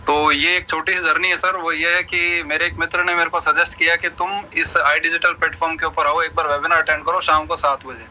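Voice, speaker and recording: A man's voice: fairly high pitch, level tone, brisk, hardly any pauses, sharp tone, slight background noise, rough recording. A man from Rajasthan, a guest, telling his story in a chatty way and acting out quoted dialogue. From Rajasthan, India. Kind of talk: recounting his story in an interview.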